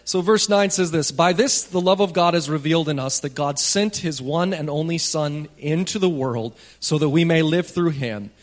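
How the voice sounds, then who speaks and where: A man's voice: fairly high pitch, normal speed, few pauses. A man preaching a sermon at a pulpit microphone in a church, speaking in a plain, conversational way with light jokes for the congregation. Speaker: pastor. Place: church sanctuary.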